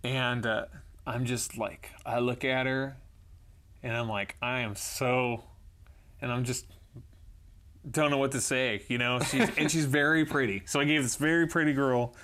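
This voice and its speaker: An animated man tells stories on a casual podcast and slips into voices for the people in them. His pitch sits in the ordinary middle range for a man, and he often laughs partway through a story. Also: unhurried, slight background noise. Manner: animated, acts out other people's lines in quoted voices. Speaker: podcast co-host.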